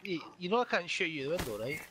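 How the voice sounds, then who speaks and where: A man's voice: on the high side, very animated, fast, crowd noise. A man with a heavy Scottish accent chatting casually as an online game player, often repeating his phrases, over game voice chat. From Scotland.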